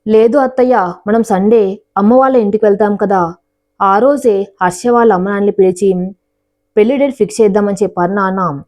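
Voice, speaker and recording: A woman's voice: mid-range voice, brisk, darkish tone, natural voice. A woman voicing a young newlywed wife who is troubled about her husband, speaking in a told story. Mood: matter-of-fact. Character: young distressed new wife.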